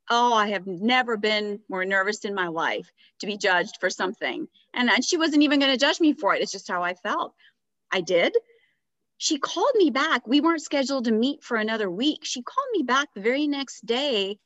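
A woman's voice: on the high side, dry recording. A middle-aged woman guest on a podcast, telling her story in a reflective, casual way. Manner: reflective, animated when retelling dialogue. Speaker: guest author. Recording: dry, slightly dull podcast audio.

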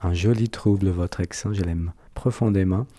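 Podcast host, a man with a Brazilian accent, deep voice, warm flowery phrasing. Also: moderate pace. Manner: flowery, effusive compliments. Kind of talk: podcast interview.

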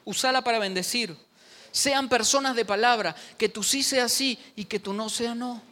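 A man's voice: very high voice, normal speed. A man preaching a sermon in a church, joking and speaking straight to the congregation. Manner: animated, joking preacher addressing the congregation directly.

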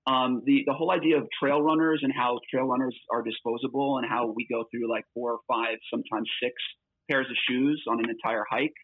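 Heard through a dry, tinny phone line with no room sound, a male guest who hikes long distances speaks in a steady, medium-pitched voice that runs a little fast with a breathy edge. It's a conversational podcast interview, and he's earnest and full of fillers.

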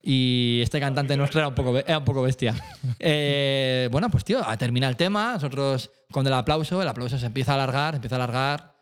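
A man telling a lively anecdote about his band on stage, acting out voices, laughing and swearing casually. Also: medium pitch, a little fast, smooth. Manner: animated storyteller, acts out voices, laughs often, swears casually. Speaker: musician telling a tour story.

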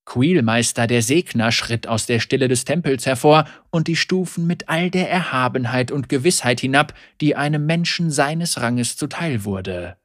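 A man reading a fantasy story aloud in steady scripted audiobook narration. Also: medium pitch, moderate pace, hardly any pauses, dry recording, clean studio sound.

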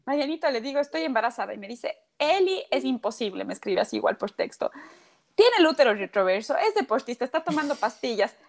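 A woman's voice: high voice, quick pace. A woman, a guest athlete telling a personal story in a casual chat and acting out the voices of the people in it. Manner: animated, acts out quoted voices.

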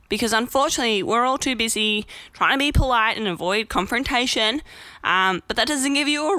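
With a bright, forceful, medium-pitched voice, the young podcast host delivers a relaxed comedic monologue. Her stories are blunt and poke fun at herself, and her talk is chatty, peppered with frequent swearing and laughter.

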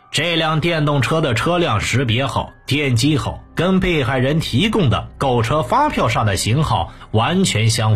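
This male narrator, whose mid-range voice is slightly rough, reads a scripted account of criminal cases with a storyteller's delivery. Background music plays beneath him.

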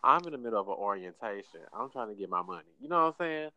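Dude w a st just telling a story, dry and easygoing, lowish voice, close dry sound. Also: male voice, big pitch swings, racing, sharp tone, no room sound, lo-fi sound. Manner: dry, laid-back delivery with lots of "like" fillers; acts out the people he quotes. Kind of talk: casual storytelling chat.

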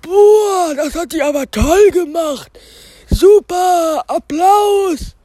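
Lazy, smitten cactus boy, voiced by a woman for a fan audio drama: high-pitched, slow, sulky, stumbling over answers. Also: animated, mellow, no echo. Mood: excited, moping. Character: lovestruck lazy young male cactus schoolboy.

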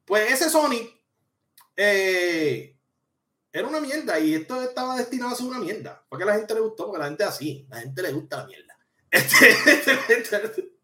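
A man's voice: high-pitched, a little fast. A man hosting a live-stream podcast, ranting and joking in slangy casual talk. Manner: joking, animated, slangy rants. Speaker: podcast host reading live chat. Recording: echoey room.

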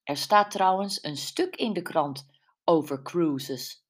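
A woman's voice: fairly low pitch, slow. A woman voicing a cheerful, doting older mother in an audiobook. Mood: cheery. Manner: bright and cheery.

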